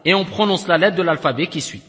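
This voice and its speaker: Guy teaching a recitation class, high bright voice, lots of long reverb in the room. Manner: explains step by step, often checks with "d'accord?" and "clair?"; chants recitation examples slowly. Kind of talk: recorded tajwid lesson.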